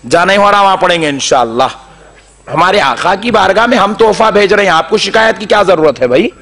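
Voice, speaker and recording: A male preacher delivers a lively story-driven sermon to a gathered congregation. His voice sits high and rings bright and forceful. He quizzes the crowd, acts out both sides of a dialogue and slips into melodic Quranic chanting. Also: brisk. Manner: animated, asks the crowd questions and acts out dialogue. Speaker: Islamic preacher.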